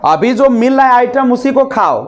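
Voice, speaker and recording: A man's voice: very high voice, animated, moderate pace. A man teaching a spoken English class in a classroom, drilling students with repeated questions and having them repeat after him. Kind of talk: classroom lesson.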